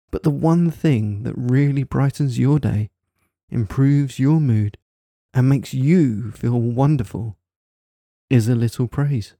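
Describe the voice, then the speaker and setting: Very dark, soft male voice, right in your ear. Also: mid-range voice, no echo, clean studio sound. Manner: coaxing, teasing, praising, with tag questions. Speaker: hypnosis audio performer. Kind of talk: intimate hypnosis ASMR monologue. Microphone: close microphone, dry sound.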